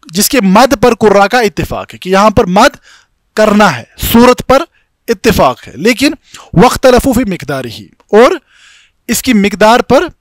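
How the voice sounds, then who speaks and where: A man's voice: high voice, dry recording, studio quality. A man from Kashmir with a Kashmiri accent giving a classroom lecture on Quranic recitation rules, explaining step by step and often checking whether students follow. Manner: chants Arabic examples slowly and drawn out. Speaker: tajweed instructor.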